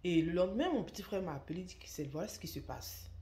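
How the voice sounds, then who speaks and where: A woman tells a personal story to her viewers, stressing points by repeating words. Her voice sits low and mellow. The recording carries a roomy echo. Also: fast. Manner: emphatic, repeats words for stress, lively when quoting. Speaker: online shop owner telling a story. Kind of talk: casual storytelling vlog. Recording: echoey room.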